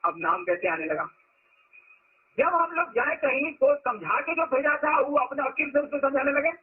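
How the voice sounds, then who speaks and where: A man's voice: very high voice, animated, normal speed. A man giving a spiritual discourse to followers, telling stories and stressing words to make his point. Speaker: spiritual teacher. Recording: lo-fi phone-like recording.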